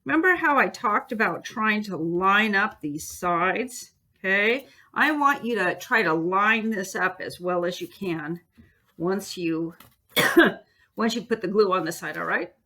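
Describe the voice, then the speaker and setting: A woman teaches a bookbinding class as an art teacher, chatting warmly and encouraging students through each step, humming and singing as she works. Her mid-range voice is animated, bright and forceful, and a little slow.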